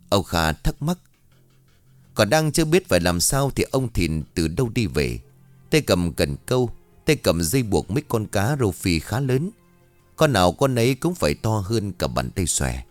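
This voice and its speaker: Expressive low-voiced male storyteller. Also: no room sound. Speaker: audiobook narrator. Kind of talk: scripted ghost story narration.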